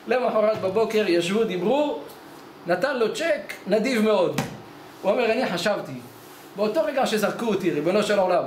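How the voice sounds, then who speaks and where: Rabbi guy preaching, acts out every line of the story, higher voice, echoey study hall. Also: slight background noise. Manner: animated storyteller acting out dialogue. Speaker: rabbi giving a weekly Torah lesson. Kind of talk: storytelling sermon. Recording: echoey hall with faint ambience.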